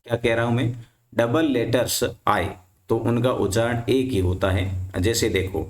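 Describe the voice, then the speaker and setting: A man's voice: medium pitch, unhurried, roomy sound. A male teacher explaining rules to students, who asks the class a question and then answers it himself.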